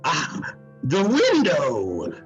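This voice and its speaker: An actor playing Ebenezer Scrooge, an old miser turned repentant and giddy, in a theatrical radio play with stammering repetitions. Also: male voice, a little high, huge pitch swings, extremely slow, lo-fi sound, over music, exaggerated voice. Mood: giddy relief. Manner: melodramatic, breathless stammering repetition.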